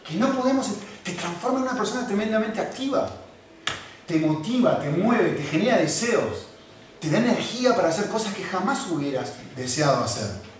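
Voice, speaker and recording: A man preaching a sermon in an animated, emphatic way, repeating phrases for emphasis. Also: sits high, moderate pace. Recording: echoey room from far off, faint background noise.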